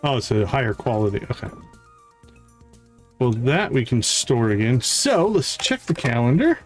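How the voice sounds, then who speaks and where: A very animated man with a medium-pitched voice, speaking at normal speed, casually commentates his gameplay live. As a game streamer, he talks to himself in brief bursts, repeating words as he thinks, while music plays.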